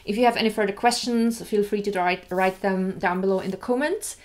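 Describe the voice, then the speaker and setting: A woman's voice: mid-range voice, steady tone, a little fast. Chatty woman vlogger, candid and easygoing. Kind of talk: casual vlog talk.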